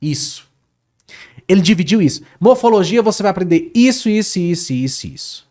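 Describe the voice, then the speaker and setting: Speaking fairly quickly in a high voice, a Portuguese teacher appearing as an interview guest tells a story casually. He's animated, loaded with filler words and repetition, and drops "cara" again and again.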